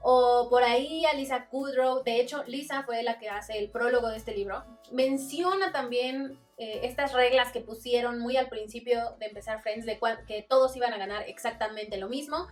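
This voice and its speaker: A woman's voice: fairly high pitch, normal speed, hardly any pauses, recorded from a distance, faint music behind. A woman with a Mexican accent, chatting casually in a book review vlog and acting out little quoted exchanges. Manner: chatty, acts out quotes with voices.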